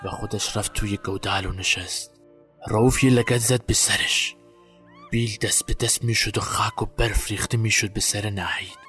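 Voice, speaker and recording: An actor playing a guilt-haunted man recalling a night burial, in a halting, haunted way. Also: on the low side, steady tone, bright, forceful tone, husky, faint music behind, exaggerated voice. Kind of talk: audio drama acting.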